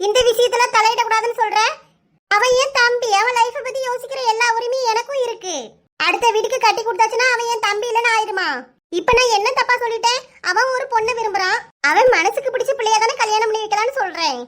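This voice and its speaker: A woman with a Kanyakumari Tamil accent voicing an outspoken young married daughter in a cartoon, arguing with quick retorts. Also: very high-pitched, a bit bright.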